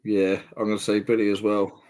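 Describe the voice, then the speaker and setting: A man co-hosting a casual podcast, briskly reading out fixtures and giving his picks. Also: on the low side, little pitch movement, a little mellow. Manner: brisk, reads out fixtures with "right, number ...". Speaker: podcast co-host reading out match list. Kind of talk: casual chat making match predictions.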